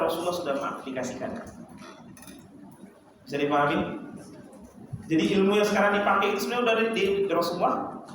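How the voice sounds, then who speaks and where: Guy with a high voice giving a lively mentor training, far from the mic in a big echoey hall, lots of room noise. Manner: animated, asks the audience questions, laughs often. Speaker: Islamic teacher training mentors. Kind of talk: lively training talk to an audience.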